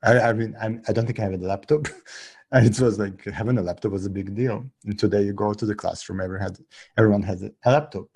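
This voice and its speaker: A middle-aged man born in Russia and raised in Israel, a guest talking casually in halting English full of restarts. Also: on the low side, steady tone, vocal fry, a little mellow, slightly rough. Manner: halting non-native English with many restarts. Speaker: podcast guest, app co-founder. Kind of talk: casual interview talk.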